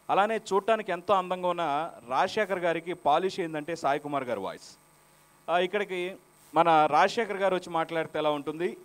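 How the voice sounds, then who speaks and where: A man, a mimicry artist, chatting on stage to set up his impressions. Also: fairly high pitch. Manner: chatty, sets up each impression. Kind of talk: stage patter between impressions.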